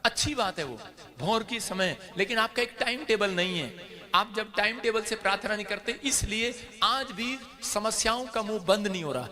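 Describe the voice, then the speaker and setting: Man preaching, high voice, very bright and cutting, fervent, building to shouts. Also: lively intonation, moderate pace. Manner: impassioned, rising to shouts; teaching with everyday stories. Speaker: pastor. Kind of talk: sermon.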